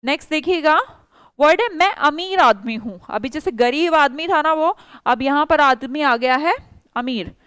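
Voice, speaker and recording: A woman teaching a spoken English class online, coaxing her learners to answer faster. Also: high voice, a bit bright, dry recording.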